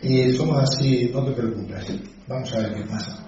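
Middle-aged pastor, chatty sermon, dark voice, dull far-off mic in a big echoey room. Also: male voice, medium pitch, moderate pace, a little hiss or hum. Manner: conversational, frequent "¿sí?" and "¿sabes?" asides. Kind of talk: sermon with personal anecdote. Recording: dull distant echoey church hall.

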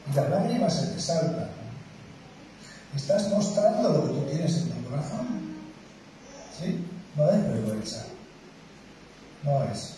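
A man preaching in a church, his voice dark and mellow. He talks in a conversational way, keeps asking short questions of the listeners, and sounds close to tears. The voice is picked up from a distance in a very echoey hall with faint room noise. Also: fairly high pitch, expressive, a little slow, long pauses. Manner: emotional, tearful. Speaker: pastor. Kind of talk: sermon.

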